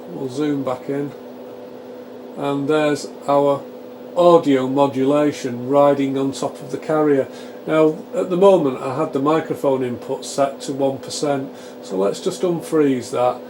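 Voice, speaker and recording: Unhurried and mid-range in voice, the presenter of a radio repair channel talks his way through an informal technical demonstration, thinking aloud and going step by step while he works. The setting is a small home electronics workshop, with test equipment fans producing a steady hum.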